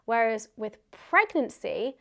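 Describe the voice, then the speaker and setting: A woman's voice: fairly high pitch, big pitch swings, slow pace, vocal fry, sharp tone. A woman hosting a casual question-and-answer vlog, talking candidly and conversationally as if thinking aloud. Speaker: video host answering viewer questions.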